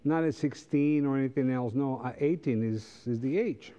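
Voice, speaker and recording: Standing before the pews in a large church sanctuary, a Sabbath school teacher from Costa Rica delivers a church lesson conversationally, posing rhetorical questions. He is a middle-aged man whose first language is Spanish and who has a Costa Rican accent. His voice is medium-pitched and dark, at normal speed, in a muffled recording.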